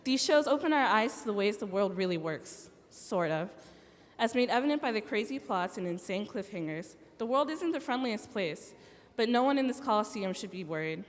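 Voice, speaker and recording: A woman's voice: mid-range voice, animated, normal speed. Teen girl giving a playful graduation speech. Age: late teens. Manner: playful, with joking asides. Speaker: graduation speaker. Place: large arena. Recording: long echo of a big arena.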